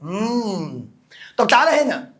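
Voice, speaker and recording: A man with an Egyptian accent teaching a math lesson to secondary students. He is animated and teasing, speaks straight to the student, and makes sound effects as he draws. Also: high-pitched, unhurried. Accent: Egyptian Arabic.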